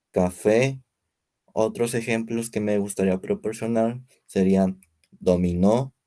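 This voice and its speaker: In a low, mellow voice, a young student works through a spelling lesson, reading example words in sequence. His pace is slow and deliberate with pauses, and occasional slips lead him to correct himself.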